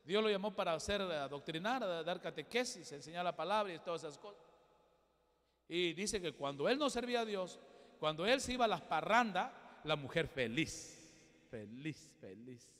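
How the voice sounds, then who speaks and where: A male pastor, preaching a sermon with emphatic swings between loud exhortation and quiet asides. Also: high voice, brisk. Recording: long hall reverb.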